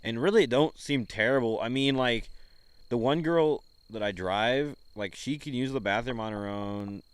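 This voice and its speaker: A man's voice: mid-range voice, moderate pace, smooth, no echo. A young man co-hosting a podcast, easygoing and agreeable in casual chat. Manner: easygoing, agreeable, short replies. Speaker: podcast co-host.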